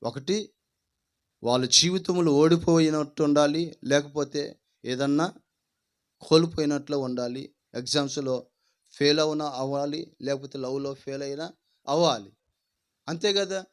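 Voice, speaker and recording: A man's voice: on the high side, measured pace, long pauses. A man preaching a fervent sermon as pastor, repeating his phrases and calling out hallelujah.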